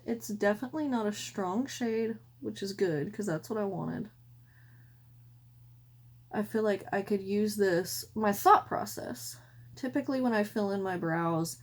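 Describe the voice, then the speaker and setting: A beauty vlogger, hoarse and losing her voice, chats her way through a casual makeup tutorial in a rambling, self-correcting manner. Her voice is mid-range with a darkish tone. She is in a room at home beside a window.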